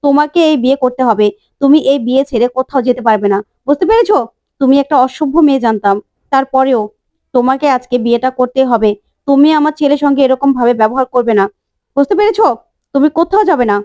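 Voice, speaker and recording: A woman storyteller doing a proud, hot-tempered father who lectures and scolds, voiced high and fast. The tone is mellow, with a dry sound. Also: animated, dry recording. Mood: angry. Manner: angry, lecturing.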